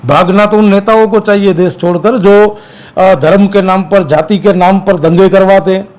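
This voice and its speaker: A man from Gujarat, an activist guest, speaking forcefully and accusingly in a heated interview, repeating his points. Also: sits high, steady tone, normal speed.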